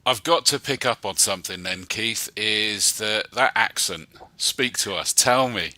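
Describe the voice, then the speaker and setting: A man's voice: on the low side, unhurried, bright, forceful tone, dry recording. A man hosting a racing club chat show, enthusiastic and talking in long run-on sentences. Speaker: host. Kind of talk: casual interview chat.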